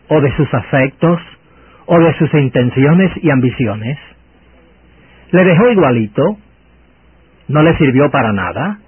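A man preaches over a radio, the sound thin and band-limited. His voice is rough and husky, with wide swoops of pitch. He delivers the sermon deliberately and emphatically, like an orator posing questions. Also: dry recording. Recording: over a radio, narrow phone-like band, muffled.

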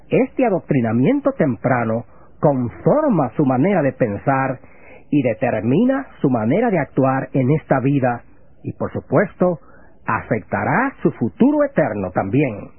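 Man, formal radio host, lively intonation, husky tone, tinny phone-like broadcast sound. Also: mid-range voice, no room sound. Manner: formal, measured, reverent. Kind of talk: scripted religious radio interview.

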